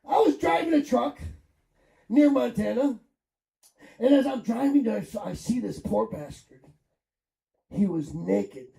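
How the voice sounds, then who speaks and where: A man's voice: high-pitched, creaky, warm tone. A middle-aged man from Chicago doing crude, rambling stand-up comedy with crowd work on a club stage. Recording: echoey club room, mic at a distance.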